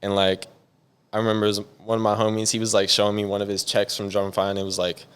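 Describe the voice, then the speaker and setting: A young San Diego music producer talks casually in an interview, relaxed and rambling, saying "like" constantly. His voice is lowish and fast with a clean tone.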